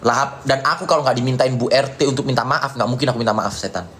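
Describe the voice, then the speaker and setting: On a live stream, an Indonesian man angrily rants, hurling repetitive, taunting insults at someone while replying to viewer comments and filling gaps with "ya." His mid-range voice is a bit bright, with a little hiss or hum in the audio.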